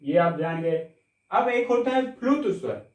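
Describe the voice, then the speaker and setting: A man teaching a Hindi grammar class, explaining step by step, checking with the class, and stretching out sounds slowly to demonstrate them. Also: sits high, very animated, darkish tone, far from the mic. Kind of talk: classroom lecture. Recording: echoey room, mic set back.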